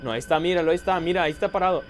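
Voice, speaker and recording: A man giving excited horror gameplay commentary, jumpy, repeating words and crying out. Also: on the high side, very fast.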